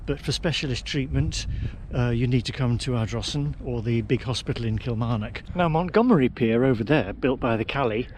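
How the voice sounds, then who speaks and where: A man's voice: mid-range voice, a little fast, hardly any pauses, noisy background. A man giving casual, opinionated vlog commentary in a wry, understated way. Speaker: vlogger presenting a travel film.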